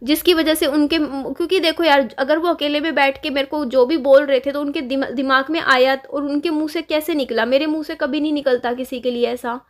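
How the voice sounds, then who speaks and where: High-voiced young woman venting. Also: steady tone. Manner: upset, halting, many restarts. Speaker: vlogger. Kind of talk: casual confessional vlog.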